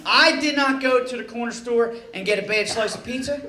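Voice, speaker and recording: A man's voice: extremely high pitch, fairly quick. A middle-aged man doing a stand-up routine, telling a story in a profane, exasperated way. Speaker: stand-up comedian. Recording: echoey, noisy room recording.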